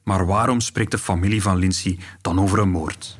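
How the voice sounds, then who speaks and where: A man's voice: sits low, fairly even intonation, moderate pace, background noise. A man with a Flemish accent reading scripted true-crime documentary narration as the host. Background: music.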